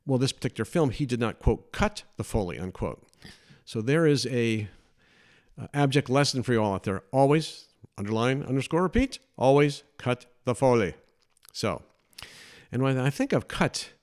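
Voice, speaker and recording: An older man hosting a podcast, telling chatty, animated anecdotes from his career. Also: medium pitch. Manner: chatty, animated anecdotes with put-on quoted voices. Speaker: podcast host. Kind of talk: casual storytelling.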